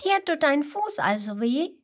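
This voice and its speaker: A woman's voice: sits high, very animated, a little slow, voice pushed up. A woman voicing a small, curious, helpful flea in a children's story, with an eager, chirpy delivery.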